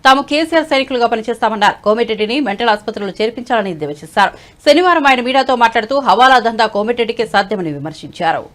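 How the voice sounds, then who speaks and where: A woman news anchor reading scripted bulletins in a brisk, formal manner. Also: fairly high pitch, expressive, a bit bright.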